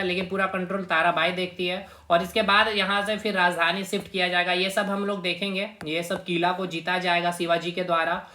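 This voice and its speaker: A man's voice: high voice, bright, forceful tone. A man teaching an exam-prep lecture, repeating key terms and checking in with his students as he drills them. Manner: repetitive, drills terms, tags lines with "okay" and "brother". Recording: echoey room with faint noise.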